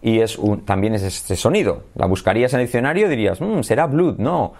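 A man whose first language is Spanish, teaching English pronunciation in a video lesson, who models words slowly and keeps checking in with "¿vale?" and "¿sí?". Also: fairly low pitch, expressive, gravelly, a little mellow.

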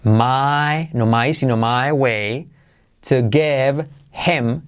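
A lively man with a Spain Spanish accent gives an online English lesson, speaking at a middling pitch. He mixes Spanish explanations with English phrases and repeats each phrase slowly for the listener to copy. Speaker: English teacher.

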